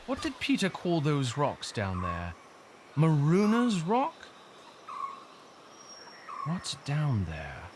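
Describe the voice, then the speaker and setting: An animated, well-spoken Hook. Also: male voice, fairly high pitch, slow, pauses often, noisy background, exaggerated voice. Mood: awed. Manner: formal, articulate, eloquent. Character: grown Englishman banker turned self-styled captain, courteous and ambitious. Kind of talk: audio drama acting.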